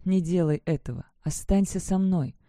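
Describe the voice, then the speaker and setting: A woman's voice: fairly low pitch, normal speed, mellow, no echo, clean studio sound, lightly acted. Remorseful immortal Strigoi man, read by a woman. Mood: pleading. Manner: urgent, calling out.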